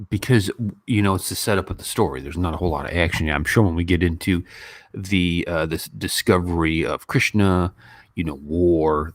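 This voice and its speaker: Clean studio audio with a dry quality captures a deep-voiced man from a Western country hosting a casual YouTube livestream. He rambles informally through chat and commentary, turning animated whenever he mimics someone.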